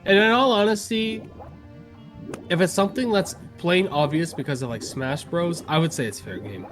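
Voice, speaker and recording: A man's voice: on the high side, moderate pace, a bit bright, soft background music. A man co-hosting a game stream, chatting casually and reading viewer comments, rambling and laughing often. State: choking a little on a coffee bean. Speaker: streamer co-host.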